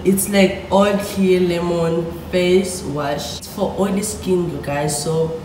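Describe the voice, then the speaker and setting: A woman's voice: on the low side, fairly even intonation, slow, warm tone. Woman vlogger, casual and self-mocking to camera, swears a lot; echoey room, faint hiss. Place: hostel room and bathroom.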